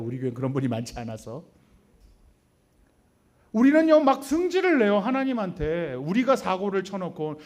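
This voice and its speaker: A man preaching a sermon in church, talking to the congregation with rhetorical questions, sudden loud stresses and quiet asides. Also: high voice, lo-fi sound. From Korea. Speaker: pastor. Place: church sanctuary.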